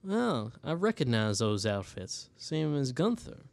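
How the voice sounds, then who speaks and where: A man's voice: mid-range voice, big pitch swings, measured pace, gravelly. A man voicing a bald old human farmer in his seventies, with a folksy country drawl and wry, sarcastic asides, during a tabletop game. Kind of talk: tabletop role-play voicing.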